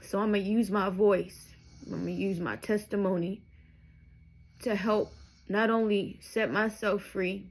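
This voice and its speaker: Speaking to camera, a vlogger around thirty gives a candid, emotional account of her life, rambling with asides along the way. Her medium-pitched voice is darkish in tone, a little slow and fairly even in intonation.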